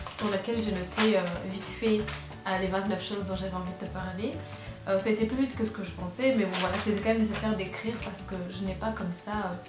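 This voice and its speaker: In a roomy space, a twentysomething vlogger with a Belgian French accent talks casually to camera in a medium-pitched voice. Her chatter is hesitant, packed with fillers and self-deprecating laughter.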